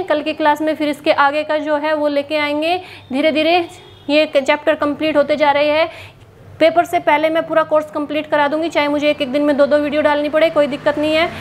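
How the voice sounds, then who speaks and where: High-voiced woman teaching a drill lesson. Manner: repeats questions and answers for drilling. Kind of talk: classroom lesson. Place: hot room without a fan, standing.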